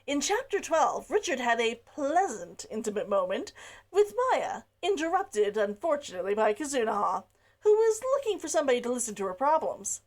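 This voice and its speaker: In a casual intro before reading her novel aloud chapter by chapter, a woman giggles and laughs between sentences. Her fairly high voice is very animated, at a moderate pace.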